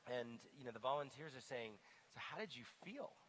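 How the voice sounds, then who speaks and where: A man's voice: mid-range voice, animated, a little fast, a bit bright, low-quality recording. Earnest guy in his 40s on a conference panel, lots of restarts, faint hum behind. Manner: earnest, frequent restarts and "you know". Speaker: charity founder on a conference panel. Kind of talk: casual stage conversation. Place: conference stage before an audience.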